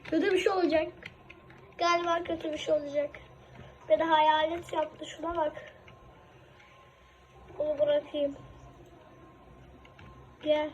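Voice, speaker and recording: High-voiced woman narrating her game at the pc, excitable and chatty, muffled lo-fi mic. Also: unhurried, long pauses. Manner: chatty, excitable, talking to herself while playing. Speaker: gaming video creator. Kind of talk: casual gameplay commentary. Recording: dull lo-fi with faint noise.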